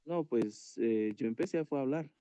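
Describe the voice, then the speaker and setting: A man's voice: medium pitch, moderate pace, a crowd in the background. Hesitant male student on a call. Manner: hesitant, searching for words. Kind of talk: casual class question.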